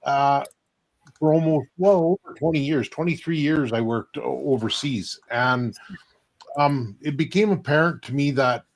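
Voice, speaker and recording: A man's voice: mid-range voice, unhurried. A man from Canada in his fifties, a guest on a live online interview, telling his story plainly and steadily.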